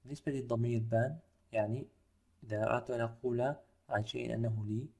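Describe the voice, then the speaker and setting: A man teaching a language lesson, explaining rules step by step and slowing down to spell out example phrases. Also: medium pitch, fairly even intonation, vocal fry, a little mellow.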